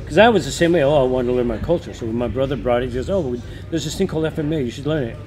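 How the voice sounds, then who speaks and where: A man's voice: mid-range voice, very fast, darkish tone. A man hosting a casual podcast chat, chatty and informal, often restarting his sentences. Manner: chatty, restarts, says dude and right. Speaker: host.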